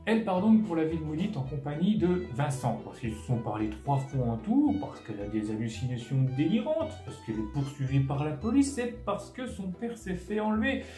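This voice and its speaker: A man's voice: fairly high pitch, very animated, a little fast, hardly any pauses, warm tone. A man narrating a scripted comedic film recap as host, sarcastic and full of casual asides, with music underneath. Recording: roomy echo, music underneath.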